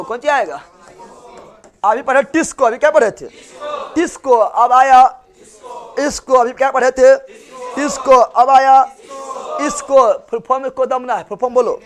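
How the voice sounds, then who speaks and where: A male teacher, giving a classroom lecture and drilling students with repeated questions and answers. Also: very high voice.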